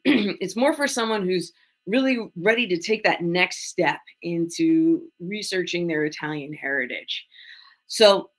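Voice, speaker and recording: This is a forty-year-old woman with a New York accent, talking in a slightly low voice. She is an upbeat, chatty genealogist presenting a webinar over a video call. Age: 40s. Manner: upbeat, chatty, self-deprecating. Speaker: genealogist guest.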